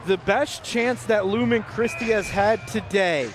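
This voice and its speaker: A man calling live high school hockey play-by-play from the rink, speeding up and shouting on the big plays. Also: over music. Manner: rapid play calls, rising to shouts on shots. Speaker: play-by-play announcer. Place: ice rink press area.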